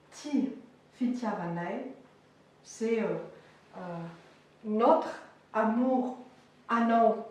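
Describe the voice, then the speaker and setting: A woman teaching a language lesson, explaining words slowly with many hesitations and fillers. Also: fairly high pitch, a little mellow. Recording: echoey room, voice far from mic, faint noise.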